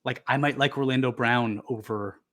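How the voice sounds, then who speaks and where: A man's voice: mid-range voice, fairly even intonation, normal speed, a bit bright. A man co-hosting a sports podcast, chatting casually and hedging as he thinks aloud. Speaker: podcast co-host.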